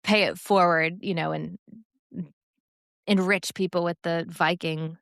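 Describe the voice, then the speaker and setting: A woman's voice: fairly low pitch, fairly even intonation, measured pace, creaky, a bit bright, no echo, studio quality. A woman co-hosting a podcast, chatting casually about sports with many fillers and laughs. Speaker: podcast co-host.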